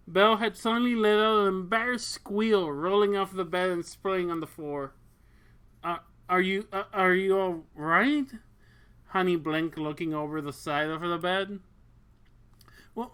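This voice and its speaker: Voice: mid-range voice, fairly bright tone, smooth. A Twitch streamer casually reading a visual novel aloud, swearing and laughing between lines. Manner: crude and swearing, laughs often; reads narration aloud, breaks off to joke.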